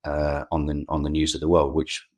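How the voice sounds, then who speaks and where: A middle-aged freelance photographer from England, with an Essex twang and a very deep voice, tells his story as a guest in a casual, remotely recorded interview. His delivery is brisk and completely flat, and he hesitates, often repeating words and circling back to restart sentences.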